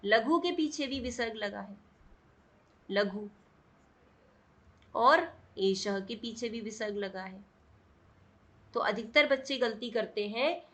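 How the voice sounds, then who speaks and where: A woman's voice: on the high side, a bit bright. A woman teaching a class lesson, patient and repeating checks for understanding. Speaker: Sanskrit teacher. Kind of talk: classroom explanation.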